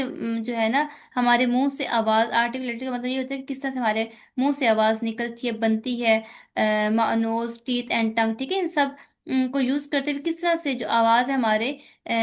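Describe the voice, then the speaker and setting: Woman tutor, Pakistani accent, slightly high pitch, exam-prep lecture with frequent fillers. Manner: mixes English terms into Urdu, many fillers. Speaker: teacher.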